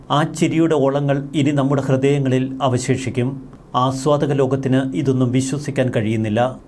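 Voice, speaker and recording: A man reading a scripted news voice-over in a solemn, measured way. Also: medium pitch, darkish tone, a little hiss or hum. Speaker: news narrator.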